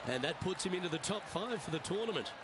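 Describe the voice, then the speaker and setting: A man's voice: high-pitched, animated, quick pace, crowd noise, noisy background. A man giving golf commentary as a commentator.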